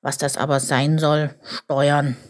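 Woman playing a slow, grumbling, forgetful old buffalo for a storybook, lowish voice. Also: level tone. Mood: grumbly.

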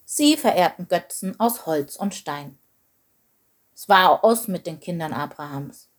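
A woman narrating a children's Bible story in a clear, steady read-aloud manner. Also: fairly low pitch, unhurried.

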